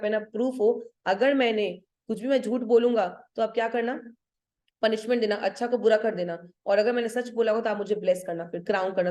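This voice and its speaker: A mid-range, darkish female voice belongs to an English literature teacher, a Hindi-teacher woman, going through a play line by line. She switches from Hindi to English and back, tests comprehension with "ठीक है?", and slows down for the quoted verse.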